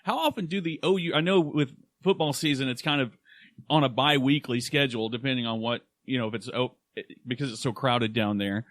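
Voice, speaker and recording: A man's voice: mid-range voice, brisk, a bit bright, no echo. A man from Oklahoma hosting a podcast, talking in a casual, playful and rambling way. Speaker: podcast host. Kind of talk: casual chat.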